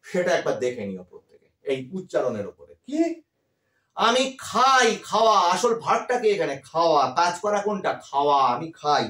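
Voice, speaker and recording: A man's voice: on the high side, a bit bright. A male English grammar teacher gives a classroom lecture, asking the class questions and answering them himself. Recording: echoey room, voice from a distance.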